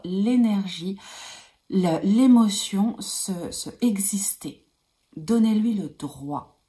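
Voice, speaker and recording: A woman energy healer talking to her viewers in a gentle, soothing way, repeating calming phrases like a mantra, with frequent hesitations and at times a soft whisper. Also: medium pitch. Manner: hesitant, many fillers and restarts. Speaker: energy healer giving advice. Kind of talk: advice vlog talking to viewers.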